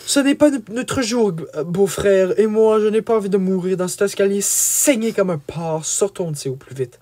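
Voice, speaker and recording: A man's voice: sits high, moderate pace, a little mellow, no echo, voice pushed up, lightly acted. A man reading an audiobook, voicing a wounded Breton knight who jokes grimly in the middle of a fight. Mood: urgent. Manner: mocking, gruff banter.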